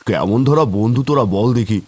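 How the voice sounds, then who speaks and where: Voicing a cartoon villager, a tea-stall regular who frets, scolds and asks question after question in a folksy way, a man sounds worried and chiding. His mid-range voice is animated and brisk, a little mellow and slightly rough, on a dry recording.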